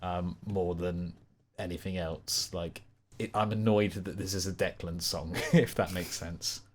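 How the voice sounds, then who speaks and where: Low voice guy on a songwriting podcast, self-deprecating, laughs a lot. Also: steady tone, unhurried, a little hiss or hum. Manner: laughs often, self-deprecating, puts on silly inner voices. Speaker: podcast co-host. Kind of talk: casual chat about songwriting.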